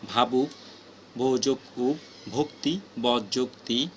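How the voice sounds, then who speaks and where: A man teaching grammar from a list, reading each word and its parts slowly and steadily. His voice sits at an ordinary middle pitch. A faint background hiss runs under the recording. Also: steady tone. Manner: slow, measured drilling of word pairs.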